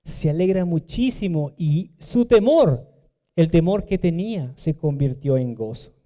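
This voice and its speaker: A man's voice: on the high side, animated, a little slow, warm tone, in a large hall. A man preaching a sermon as pastor, reading scripture and then retelling it with emphatic rises. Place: church.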